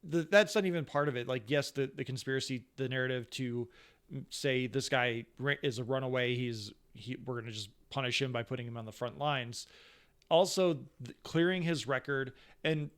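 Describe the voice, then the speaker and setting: A man with a mid-range voice questions a film's logic in a casual podcast conversation. He rambles and restarts his sentences, thinking out loud. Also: medium pitch, moderate pace, clear, resonant tone. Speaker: podcast co-host. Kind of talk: casual movie discussion.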